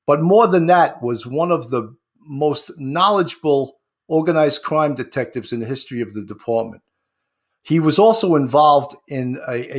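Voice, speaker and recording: A man with a New York accent hosting a casual, conversational interview show. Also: mid-range voice.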